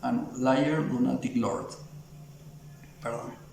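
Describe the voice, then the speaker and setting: A man's voice: mid-range voice, steady tone, slow pace, vocal fry, darkish tone, echoey room, slight background noise, rough recording. A Mexican man with a Mexican Spanish accent, an illustrator in a casual interview, talking in a rambling way with many fillers and restarts. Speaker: illustrator guest.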